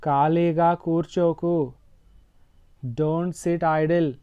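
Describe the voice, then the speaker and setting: A man with a Telugu accent teaching English phrases, saying each sentence slowly and repeating it. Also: a little high, monotone, dark tone, clean tone, muffled recording. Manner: slow, deliberate repetition. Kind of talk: slow sentence drill, Telugu then English twice.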